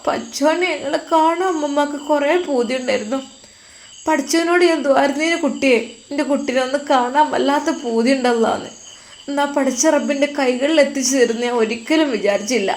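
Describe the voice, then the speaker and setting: A woman's voice: sits high, a little fast. A woman voicing a grieving older mother who speaks soothingly. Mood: tearful.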